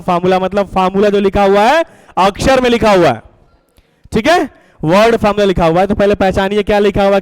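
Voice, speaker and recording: High clear-voiced male teacher. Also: dry recording, poor audio. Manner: coaxing, asks the class questions and repeats answers. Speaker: school chemistry teacher. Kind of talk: classroom lecture.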